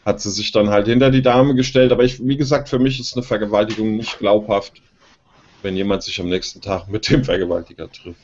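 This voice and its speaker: A man's voice: lowish voice, steady tone, a little fast, darkish tone. A man co-hosting a casual talk show in a dismissive, sardonic way, often seeking agreement. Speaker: podcast co-host. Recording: dull lo-fi sound.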